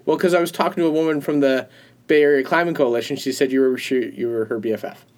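Co-hosting a casual podcast, a man tells stories in a loose, rambling way and frequently breaks into laughter. His mid-range voice is steady, fast, and darkish in tone.

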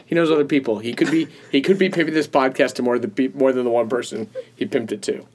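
A man's voice: mid-range voice, fairly even intonation, fast, a little mellow, slight background noise. A man co-hosting a podcast, chatting casually, rambling through stories and laughing often. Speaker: podcast co-host. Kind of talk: casual chat.

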